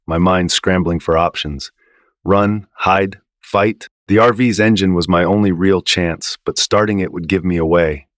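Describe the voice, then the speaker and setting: A man reading a first-person horror story in a low, tense storytelling manner. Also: no room sound, studio quality. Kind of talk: scripted first-person narration.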